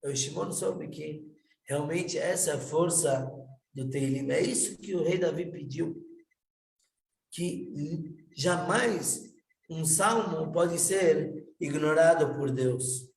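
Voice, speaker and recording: A man, a rabbi, tells a story in an unhurried, animated way, stumbling over a word now and then. His voice sits a little high. The recording is echoey and picked up from some distance. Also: vocal fry. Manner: unhurried, animated retelling with halting restarts. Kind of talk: storytelling talk. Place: out and about near kosher shops.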